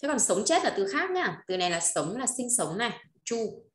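A woman's voice: a little high, sing-song, fairly quick, reverberant. A woman teaching a language lesson, repeating phrases and often checking that students follow. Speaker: Chinese teacher.

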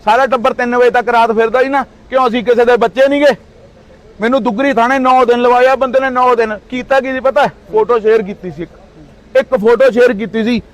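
A man's voice: extremely high pitch, steady tone, a little fast. A man in his thirties from Punjab, India, speaking in a heated street interview with indignant, accusing outbursts.

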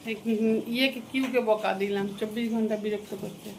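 Bengali lady rambling thru her home vlog on her phone, mid pitch, lots of background noise. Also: steady tone, fairly quick. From West Bengal, India. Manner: chatty, rambling, fills gaps with "ইয়ে". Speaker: vlogger. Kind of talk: casual home vlog chat. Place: home kitchen and balcony, festival night. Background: noise, firecrackers and street ambience.

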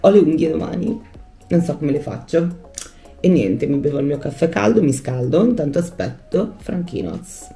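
A woman's voice: sits low, moderate pace, faint music behind. Chatty Italian woman vlogging at home. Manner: chatty, animated, self-mocking, with sudden exclamations. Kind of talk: casual daily vlog. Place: home rooms, a car, a bathroom. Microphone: handheld camera or phone at arm's length.

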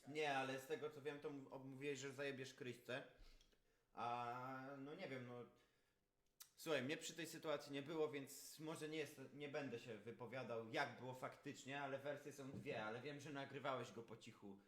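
A man's voice: mid-range voice, fairly even intonation, moderate pace, a bit bright. A man bantering on a confrontational livestream, taunting and swearing. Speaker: livestreamer and fighter. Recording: roomy, echoing livestream sound.

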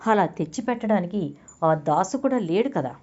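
A woman's voice: mid-range voice, lively intonation, normal speed, warm tone, natural voice. A woman voicing a scheming young granddaughter who answers evasively and defensively, over a dull lo-fi recording.

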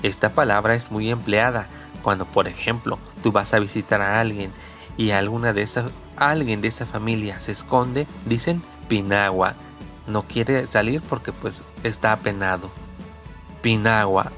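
A man's voice: on the low side, fairly even intonation, normal speed, a bit bright, soft background music. A man teaching a recorded language lesson, speaking patiently and repeating each word three times for the learner.

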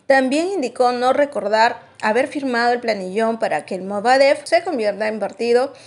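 A woman narrating a news report in a formal, even, scripted voice-over. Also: on the high side.

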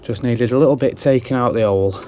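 A young electrician with a warm, mellow voice talks loosely into his camera while fitting things indoors. He rambles, cracks small jokes at his own expense, and keeps it casual, with a faint background hum in the room. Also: medium pitch, fast talker. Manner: chatty, self-mocking, rambling asides. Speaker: electrician vlogger. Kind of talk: casual commentary while working. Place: indoors at a house job. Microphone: handheld camera mic.

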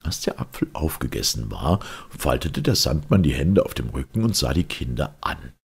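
Extremely low and very husky, with a gravelly creak, this male voice reads a fairy tale aloud as an audiobook. The telling is richly theatrical, animated and storybook-like.

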